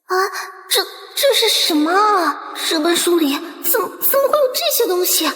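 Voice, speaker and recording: Woman voicing a coy fox-spirit temptress, high. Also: sing-song, moderate pace, fairly bright tone, dry recording, full character voice. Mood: embarrassed. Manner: pleading, stammering, coquettish. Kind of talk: animated comic voice acting.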